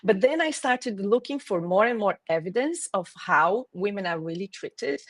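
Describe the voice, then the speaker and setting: A woman's voice: mid-range voice, expressive, normal speed, no echo. Woman, forties, Brazilian Portuguese accent, earnest, thoughtful, hesitant restarts, video call, dry sound. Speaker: guest, marketing executive. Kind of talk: conversational interview.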